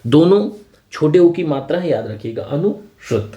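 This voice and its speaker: Teacher, mellow voice. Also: male voice, a little high, expressive, normal speed. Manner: explains patiently, often adds a tag question to check understanding. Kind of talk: exam-prep vocabulary lesson.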